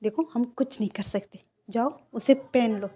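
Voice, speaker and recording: A woman's voice: fairly high pitch, normal speed, mellow, slightly rough. A woman voicing a weary, stern mother who talks in a firm, exasperated way in a storybook reading.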